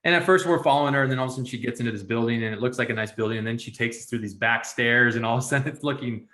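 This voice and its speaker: A man hosts a podcast, spinning a casual story with lots of "like" and "you know" fillers. His voice sits at a middling pitch. The room around him rings with noticeable echo. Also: racing, pushed and bright. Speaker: podcast host.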